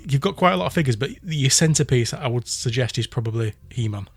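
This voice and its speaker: A man's voice: medium pitch, expressive, quick pace, husky. A man co-hosting a podcast in casual, joking chat. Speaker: podcast host.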